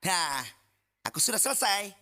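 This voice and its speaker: A man's voice: high-pitched, very animated, moderate pace, bright, forceful tone, full character voice. A man voicing an earnest, boastful young royal bodyguard in a cartoon dub.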